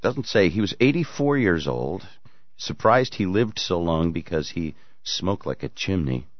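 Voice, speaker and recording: A man's voice: low-pitched, expressive, a little slow, no room sound, lo-fi sound. A man hosting a radio call-in show, talking casually with callers. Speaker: radio talk show host.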